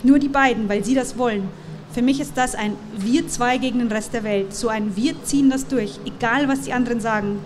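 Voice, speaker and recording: A teasing, romantic young woman, as a reader plays her with a fairly high voice and a mocking edge. Ambient noise runs steadily behind. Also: a little fast, natural voice.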